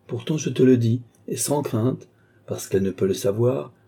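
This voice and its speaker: A man reading an audiobook, voicing a scheming old male marshal who wheedles and then scolds in sudden high bursts. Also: normal speed, creaky, dark tone, husky.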